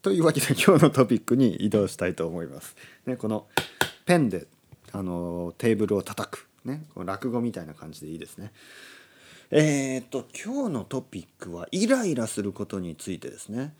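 A man from Oita, Japan, hosting a relaxed solo talk for learners, explaining slowly and glossing words in English. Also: lowish voice, background noise. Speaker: podcast host. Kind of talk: casual monologue for Japanese learners. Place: indoors at a table.

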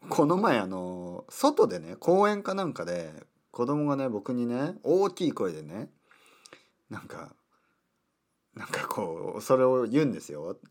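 A man hosting a casual solo talk, speaking slowly in simple words and stopping to explain terms, with chatty asides. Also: mid-range voice, very animated. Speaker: podcast host.

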